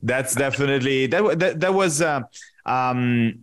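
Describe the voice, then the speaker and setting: A man in his thirties from Italy, a podcast guest answering questions in a relaxed way, often pausing with fillers as he searches for words. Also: medium pitch. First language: Italian. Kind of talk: casual interview answers.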